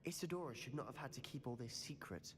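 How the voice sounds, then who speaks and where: A man's voice: mid-range voice, expressive, fast talker, natural voice. An actor playing a curious, upbeat young male wizard student in video game dialogue, calling out spells sharply. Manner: casts spells with sharp raised incantations. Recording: game audio, loud music, echoey hall.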